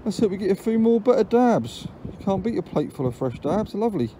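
On a windy open beach, an English man films his own fishing trip on a phone he holds and chats casually to camera, down-to-earth and matter-of-fact with dry grumbles. His voice sits high but sounds dark, swinging widely in pitch at a brisk pace, with surf, wind, and waves in the outdoor phone recording.

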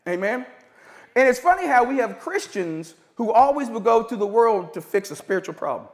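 Middle-aged pastor with a high voice, preaching casually and acting out little scenes for laughs. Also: male voice, big pitch swings, normal speed. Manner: conversational preaching with comic asides and acted-out dialogue. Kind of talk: sermon.

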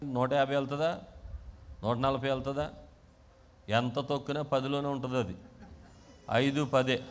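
A male pastor from Andhra Pradesh preaching a sermon, swinging from quiet talk to shouting and calling the congregation to respond. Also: medium pitch, flat delivery, normal speed. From Andhra Pradesh, India.

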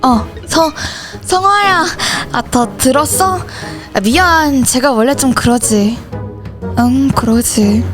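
High-voiced woman voicing a school horror story. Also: slow pace, soft background music. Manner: switches between several teenage schoolgirl characters in dialogue. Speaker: channel host and voice actor.

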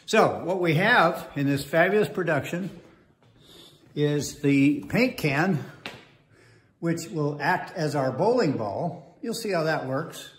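A man's voice: a little high, animated, slow pace. A man in his sixties hosting a playful, rambling how-to demonstration in a home hallway, recorded on wireless earbuds. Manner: joking, playful, rambling with fillers. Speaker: host. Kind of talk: comic how-to demo. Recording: echoey hallway with faint noise.

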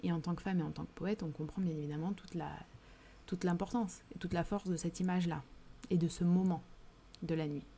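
A woman's voice: lowish voice, fairly even intonation, a little fast, warm tone, a little hiss or hum. Thoughtful woman with a southern French accent. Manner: thoughtful, hesitant, many fillers and restarts. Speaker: literary livestream host. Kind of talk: live book discussion reading chat questions.

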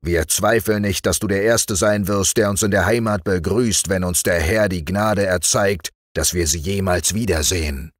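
A man's voice: low-pitched, normal speed, hardly any pauses, no echo, studio quality, close to an everyday voice. A man voicing a harsh, sneering ship captain in a told story. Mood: stern. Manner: stern, sneering. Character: stern harsh ship captain, grown man, cruel and mocking.

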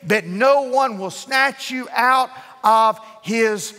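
A man's voice: very high-pitched, takes it slowly, sharp tone, pitched above the performer's own voice, heavily acted. A man voicing a sinister devil who hisses taunts, in a reverberant hall. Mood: taunting. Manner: hissing, taunting. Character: sinister hissing male devil voice.

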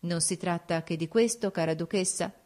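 A woman's voice: lowish voice, moderate pace, a little mellow, close to an everyday voice. A woman reading an audiobook, voicing an anxious, tearful young princess with a pleading, shaken manner. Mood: gentle.

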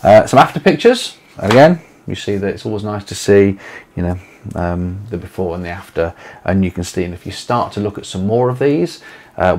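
This man's voice is on the low side and a little mellow. In his forties and speaking with an East Midlands accent from England, he runs a letting agency and talks casually to camera in a small home office, rambling with plenty of fillers and restarts.

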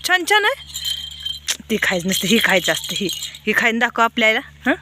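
A woman's voice: mid-range voice, fast, background noise. A woman, vlogging at home as she coaxes her toddlers in a sing-song voice. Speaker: vlogger and mother. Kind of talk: casual home vlog talking to small children.

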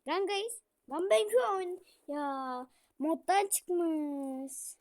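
A young woman chatting while playing a game with a friend, bossy, teasing and excitable, full of slang. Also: extremely high pitch, very slow. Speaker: gamer. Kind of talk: casual gaming banter.

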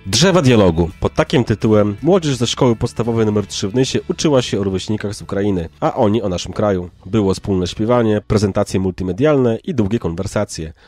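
Low, mellow male news narrator. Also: fairly quick, few pauses, dry recording. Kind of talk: scripted local news narration. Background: background music.

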